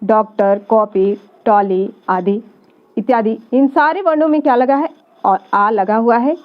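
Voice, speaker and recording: A woman teaching grammar to children, asking the class questions and answering them herself, and repeating words slowly. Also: fairly high pitch, muffled recording. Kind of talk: classroom-style explanatory lesson.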